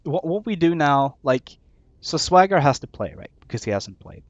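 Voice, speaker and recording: Casting a live game stream, a man thinks out loud, laughs often and trails off while working things out. His voice is a little high and sing-song at a moderate pace, caught dry and dull lo-fi on an off-camera headset or desk mic.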